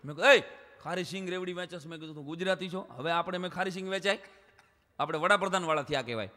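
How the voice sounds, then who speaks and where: A man's voice: high-pitched, rapid-fire, bright, forceful tone. A man doing comic storytelling on stage, chatting straight to the audience and mimicking voices. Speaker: stage comedian at a folk show. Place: stage before a live audience. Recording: reverberant hall sound.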